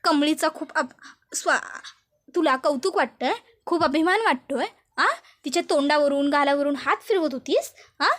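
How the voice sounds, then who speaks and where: A woman's voice: high-pitched, normal speed, fairly bright tone. A woman playing a cruel, mocking young villainess. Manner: mocking, cold commands.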